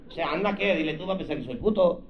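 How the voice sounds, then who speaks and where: A male comedian putting on a Castilian Spanish accent to voice a blunt, foul-mouthed Spanish man who talks in loud, fed-up bursts. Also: a little high, very fast, echoey room, lo-fi sound, background noise, voice pushed up, lightly acted. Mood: curious. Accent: Castilian Spanish, put on.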